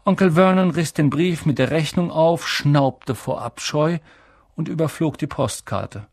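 An audiobook narrator reading a story in a measured, expressive way. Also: mid-range voice, no room sound, clean studio sound. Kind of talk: scripted narration.

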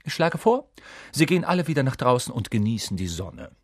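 A man's voice: mid-range voice, sing-song, brisk, husky, dry recording, clean studio sound, pitched above the performer's own voice. A man voicing a stern, strict older woman professor who speaks in a clipped, commanding, cool manner. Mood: brusque.

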